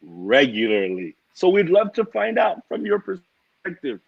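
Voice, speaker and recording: A man moderates a faith panel, asking friendly, lively questions as a youth minister. His voice comes through a video call, distant and muffled, in a dead-dry sound with no room echo. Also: high voice, a little slow, gravelly, slightly rough. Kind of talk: hosting a panel interview.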